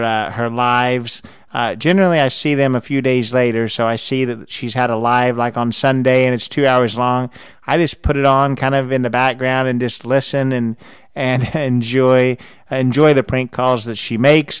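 A man's voice: medium pitch, smooth, dry recording. A man hosting a podcast interview, talking casually with many restarts and fillers. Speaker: podcast host.

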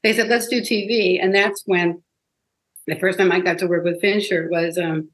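A woman guest telling stories in an interview, animated and emotional, with many restarts. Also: lowish voice, normal speed. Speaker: guest, advertising copywriter. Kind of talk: interview storytelling. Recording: roomy echo.

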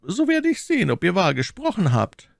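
A sly, probing cardinal from an old storybook, voiced by a man reading aloud, his voice lifted high and swooping, honeyed and coaxing. There is a gravelly edge under it, close and dry. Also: huge pitch swings, moderate pace, no echo, exaggerated voice. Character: scheming older male cardinal, sly and probing. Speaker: audiobook reader.

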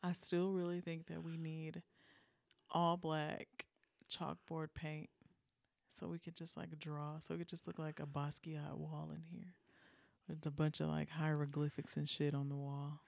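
A woman co-hosting a podcast, tipsy from wine and giggly, chatting casually and trailing off softly. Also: low-pitched, flat delivery, unhurried, gravelly, dry recording. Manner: tipsy, giggly, drifting soft. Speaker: podcast co-host. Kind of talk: casual chat.

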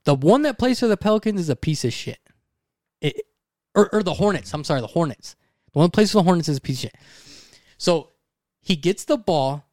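A young man on a podcast recounts a story with lively energy, swearing often and acting out what others said. His voice sits a little high for a man and comes through dry and close, with no room sound. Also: brisk, long pauses, dry recording. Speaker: podcast co-host.

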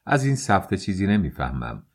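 A man's voice: deep voice, sing-song. A man voicing a poor, sickly young student who apologizes and pleads. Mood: apologetic.

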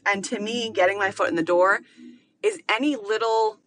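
A woman in her late thirties hosts a podcast, delivering a casual solo monologue that's candid, rambling and full of filler words. Her medium-pitched voice is a bit bright and moves at a moderate pace. A little hiss or hum can be heard.

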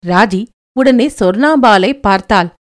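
A woman narrating a story aloud in a steady, expressive storytelling manner. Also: mid-range voice, a little slow.

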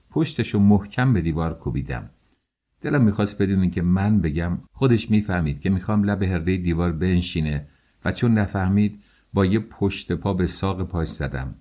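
A man reading a novel aloud as an audiobook, telling the story in a measured first-person voice. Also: deep voice, warm tone. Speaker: audiobook narrator.

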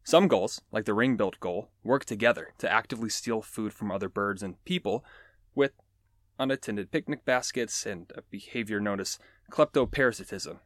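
A man hosts a nature show in a casual educational podcast style, sharing animal facts with jokes and chatty asides. His voice is on the low side, at normal speed, with no room sound.

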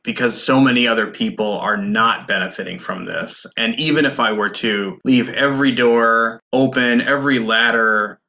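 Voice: medium pitch, moderate pace, hardly any pauses, bright, forceful tone, muffled recording. A podcast co-host in casual discussion, reflective and dryly sarcastic, with many fillers.

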